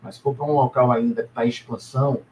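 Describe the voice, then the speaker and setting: A middle-aged man, speaking at a middle pitch as an interview guest. He tells his experiences in a relaxed, unhurried way, stumbling over words and adding tag questions as he goes. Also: slight background noise. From Salvador, Brazil. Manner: relaxed storytelling with many hesitations and tag questions. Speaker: guest, businessman and property investor.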